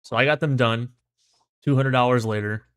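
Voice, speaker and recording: A man's voice: mid-range voice, steady tone, normal speed, fairly bright tone, clean tone, no echo, clean studio sound. A man livestreaming in casual, slangy, laid-back chat, his mouth numb from the dentist. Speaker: livestream host.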